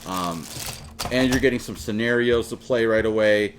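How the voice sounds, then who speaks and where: A man's voice: on the low side, moderate pace, a little hiss or hum. A man hosting his own hobby channel, chatting casually and jokingly straight to his viewers. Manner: playful, jokey, talks straight to viewers. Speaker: channel host. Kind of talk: casual hobby vlog talk.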